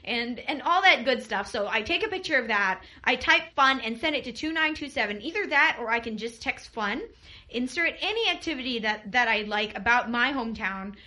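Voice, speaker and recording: A young woman from Cebu hosts a radio show in a loose, animated chat full of "like" and "you know." Her voice sits a bit high with a bright, forward tone. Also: normal speed. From Cebu, Philippines. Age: 20s. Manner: chatty, animated, full of fillers. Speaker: radio DJ host.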